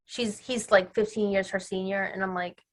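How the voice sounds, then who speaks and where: A woman's voice: mid-range voice, steady tone, moderate pace. A middle-aged woman chatting casually about a movie with her son, blunt and wry in her remarks. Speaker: podcast guest, host's mother.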